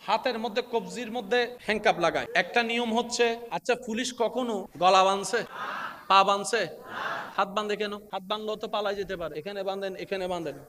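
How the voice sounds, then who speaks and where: Male preacher, high piercing voice, rises to shouts, reverb-heavy gathering. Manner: rhetorical questions, calls on the crowd to answer; swings from quiet to shouted. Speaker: Islamic preacher. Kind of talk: Bengali waz sermon.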